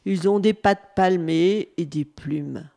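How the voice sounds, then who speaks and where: A woman's voice: on the low side, takes it slowly, creaky, warm tone, pitched below the performer's own voice. A woman reading a storybook aloud and voicing a self-assured wallaby who talks bluntly. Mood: dismissive. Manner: dismissive, emphatic. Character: blunt wallaby, sure of himself.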